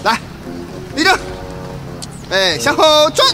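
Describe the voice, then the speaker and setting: A man's voice: extremely high pitch, big pitch swings, slow, exaggerated voice. A man playing a stern, mocking drill instructor in a comedy skit, barking out drill commands and scolding. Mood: slyly mocking. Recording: loud music and crowd noise behind.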